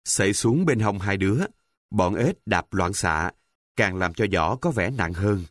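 A man narrating a story in a calm, measured, descriptive reading. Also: fairly low pitch, no room sound, studio quality.

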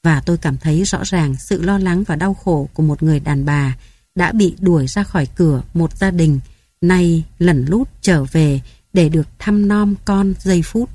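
A woman narrating a literary story in a slow, measured, solemn way. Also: on the low side, mellow, breathy edge, no echo.

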